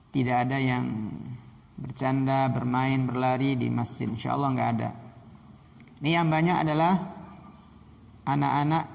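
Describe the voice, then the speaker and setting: A male teacher explains a religious lesson at an unhurried, deliberate pace. His voice is fairly high for a man with a gravelly edge, and a long reverb trails behind it. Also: a little mellow. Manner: slow, deliberate explaining, reads Arabic text then translates.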